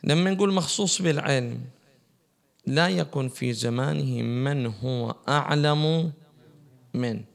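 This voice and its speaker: A man's voice: medium pitch, measured pace, vocal fry, long pauses. A man giving a religious lesson, asking his class questions and answering them himself. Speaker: religious teacher.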